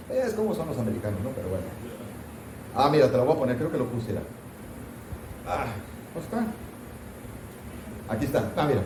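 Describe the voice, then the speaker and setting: A man's voice: a little high, background noise. Man, pastor, Sunday school class, conversational, quizzing students, echoey room, distant mic. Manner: conversational, asks the class questions, mock scolding asides. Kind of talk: interactive Bible class teaching. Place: church classroom. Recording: roomy church hall, voice from off-mic.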